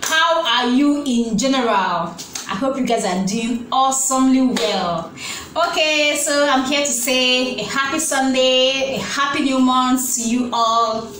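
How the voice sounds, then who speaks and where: Nigerian woman vlogger, slow and emphatic, repeats lines; echoey room with faint background noise. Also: sits high, fairly bright tone. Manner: repetitive, exclamatory, preachy. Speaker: YouTube vlogger. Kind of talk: emotional direct-to-camera vlog.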